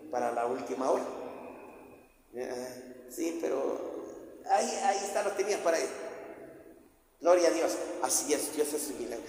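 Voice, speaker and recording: A man preaching a sermon, telling the story with repetition and acting out the voices. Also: a little high. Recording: echoey hall with faint ambience.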